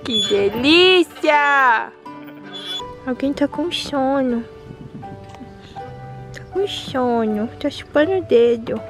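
A woman's voice: sits high, takes it slowly, long pauses, over music. A young Brazilian woman with a Brazilian Portuguese accent, chatting casually to camera in a windy park and cooing at her baby. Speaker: vlogger mother. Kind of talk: casual outdoor vlog.

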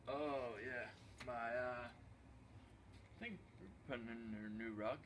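A man's voice: medium pitch, slow, fairly bright tone, slight background noise. A young man playing a boastful, clueless slacker who rambles proudly through a tour of his cluttered basement. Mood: smug, rambling. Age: young adult. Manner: laid-back, rambling, proud, says "wicked convenient" over and over. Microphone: handheld phone camera held by the other man.

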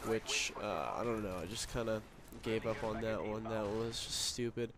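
A young gaming commentator, nasal and sick with a cold, rambles casually over game footage with plenty of fillers and swearing. His voice is on the low side, with fairly even intonation at a moderate pace, and the recording is noisy with game gunfire behind.

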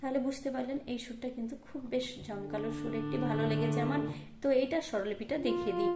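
A woman leads a harmonium lesson. She talks through each phrase calmly, then sings it and calls out the notes. The room is echoey and the harmonium plays loudly under her. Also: a little high, fast talker, loud music behind the voice. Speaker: harmonium teacher. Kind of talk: music lesson, speaking and singing. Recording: roomy sound with loud harmonium.

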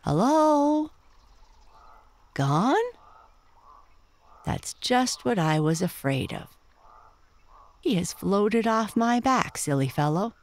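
A storyteller voicing a pompous, bossy old male frog in a bedtime story, talking in a lofty, lecturing way. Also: medium pitch. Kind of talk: storybook character voice.

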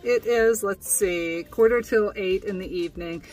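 A woman's voice: medium pitch, moderate pace, darkish tone, recorded from a distance. Chatty young woman vlogging from a tent. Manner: chatty, with frequent fillers and laughs. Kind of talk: casual vlog recap. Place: inside a tent, small and indoors.

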